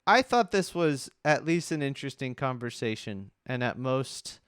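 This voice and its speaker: A man's voice: mid-range voice, expressive, moderate pace, a bit bright, clear, resonant tone, no echo. A man co-hosting a design podcast, chatting casually with wry, dry humor. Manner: wry, dryly joking. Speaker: podcast co-host. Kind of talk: casual chat.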